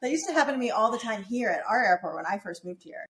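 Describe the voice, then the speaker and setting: Soft-spoken woman chatting casually. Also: on the high side, animated, quick pace. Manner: supportive listener, short agreeing replies. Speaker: podcast co-host. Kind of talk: casual chat.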